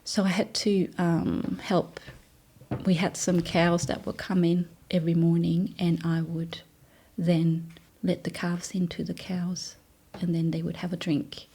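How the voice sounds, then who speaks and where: A woman from Denmark, a non-native English speaker, telling her story in a relaxed, soft-spoken interview with frequent fillers. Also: fairly low pitch, unhurried, slightly rough. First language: Danish.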